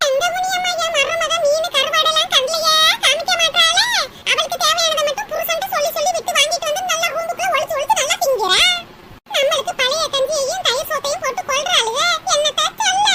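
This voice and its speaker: A woman's voice: very high-pitched, fast talker. A woman voicing a grumbling elderly village grandmother in a cartoon comedy, scolding and full of self-pity. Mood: complaining. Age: older. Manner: scolding, self-pitying complaints. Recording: loud background hiss.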